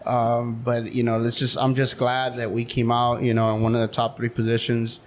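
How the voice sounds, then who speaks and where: A man's voice: medium pitch, monotone, normal speed. A man in his forties speaking as a podcast guest, telling his story in a frank, candid way with plenty of fillers. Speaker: podcast guest, city council member. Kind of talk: casual interview chat.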